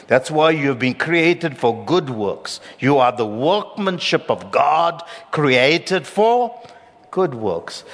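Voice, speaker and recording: A middle-aged man preaching a sermon as pastor, with emphatic loud peaks and hushed drops. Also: medium pitch. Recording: long reverb of a large hall.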